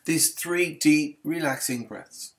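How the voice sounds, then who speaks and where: Speaking with a fairly high pitch, a male yoga nidra instructor guides a relaxation meditation. His phrasing is gentle, and his manner stays calm, soothing, and unhurried.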